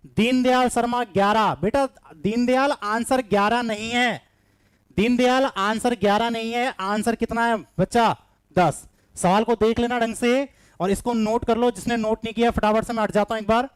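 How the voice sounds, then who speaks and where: A man's voice: very high-pitched, clear, resonant tone, no echo. A man teaching a live online class, coaxing students and reading out their answers by name.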